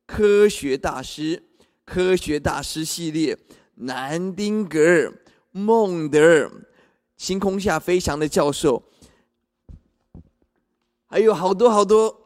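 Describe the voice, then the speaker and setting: A man gives the closing remarks for a church program, speaking gently and steadily. His voice sits slightly high. The recording has a long hall reverb. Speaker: church host.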